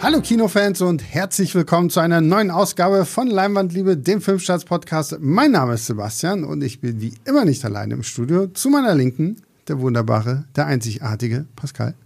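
A man's voice: a little high, expressive, normal speed, creaky, few pauses, a little mellow, faint music behind. A middle-aged man, hosting a film podcast in casual conversation.

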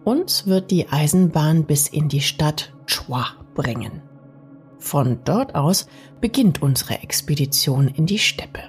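Soft whispery lady doing a sleep story narration, really slow and soothing, bit of music behind. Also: deep voice, lively intonation. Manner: soft, soothing, partly whispery, addressing the listener intimately. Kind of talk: scripted bedtime sleep story narration, guided relaxation.

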